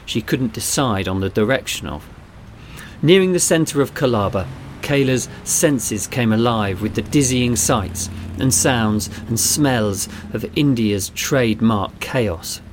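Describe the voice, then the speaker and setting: A man reading a children's adventure story aloud in a measured storytelling delivery. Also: mid-range voice, slight background noise. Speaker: narrator. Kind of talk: scripted narration.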